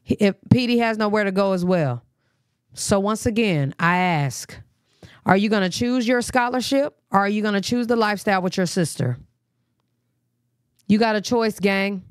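A woman's voice: mid-range voice, normal speed, clear, resonant tone, no room sound, studio quality. A woman hosting a live reaction stream in blunt, profane casual talk. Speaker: livestream host.

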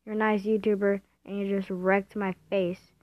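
A woman giving casual gameplay commentary, excitable and self-mocking, thinking aloud as she plays. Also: medium pitch, moderate pace, no room sound. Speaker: gamer. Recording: dull lo-fi dry home recording.

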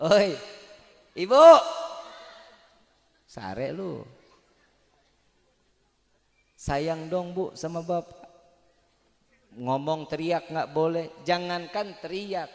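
Guy giving a jokey wedding sermon, high voice, teasing the crowd, big echoey reverb. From West Java, Indonesia. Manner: joking, teasing the audience in slangy banter. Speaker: preacher at a wedding celebration. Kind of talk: humorous sermon. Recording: hall-like reverb at a live event.

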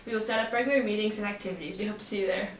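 A woman's voice: mid-range voice, fairly even intonation, very fast. A teenage young woman co-anchoring school announcements, reading the news items from a script. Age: teens. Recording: roomy echo, faint noise.

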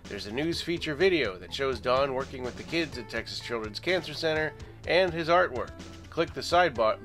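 A man's voice: mid-range voice, a bit bright. A man reading a scripted podcast intro and sponsor message. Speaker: podcast announcer.

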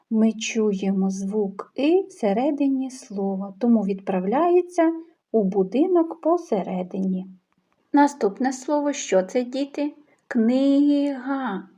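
A woman's voice: on the high side, warm tone, slightly rough. A woman giving a patient phonics lesson to young children, prompting and praising them. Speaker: kindergarten teacher.

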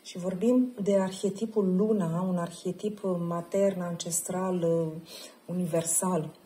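A woman guiding a participant through a tarot card reading, gentle and probing, often checking in with a short question. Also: fairly low pitch, fairly even intonation. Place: group session at a camp.

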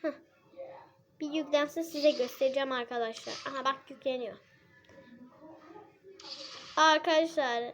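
A young woman hosting a card game stream, chatting excitably to her viewers and complaining dramatically when she loses. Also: sits high, moderate pace, pauses often, noisy background. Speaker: gaming channel host. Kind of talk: casual game commentary.

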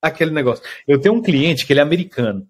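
A man from Brazil who runs a food truck, chatting in an interview and telling lively stories, acting out his customers and often checking that the listener follows. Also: a little high, rapid-fire. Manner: lively storyteller, acts out customers, keeps asking "entendeu?". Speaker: food truck owner and chef. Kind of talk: casual interview chat.

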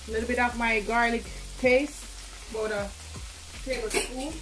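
A cooking vlogger with a Jamaican accent chats casually as she cooks in her home kitchen, frequently calling out to her viewers. Her voice is fairly high with fairly even intonation at a normal pace. The rough recording picks up a sizzling pan and kitchen noise.

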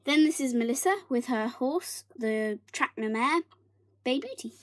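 Young woman, high-ish voice, chatty toy-barn vlogger with whispered asides, handheld phone in a bedroom. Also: lively intonation, normal speed. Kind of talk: casual toy tour narration. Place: bedroom, indoors. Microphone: handheld phone camera.

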